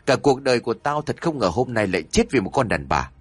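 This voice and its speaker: A man voicing a cruel, wealthy older master who uses curses, speaking in fast, menacing outbursts. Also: mid-range voice, sing-song, slightly rough, dry recording. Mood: defiant. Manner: menacing, snarling, quick outbursts.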